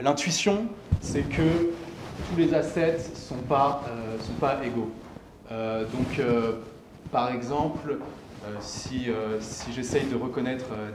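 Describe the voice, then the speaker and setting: At a tech meetup, a young adult man with a medium-pitched voice stands at a lectern in an indoor lecture room presenting his company's software. He walks through it step by step, haltingly, often posing a question and then answering it himself. The room echoes noticeably and there's audible background noise.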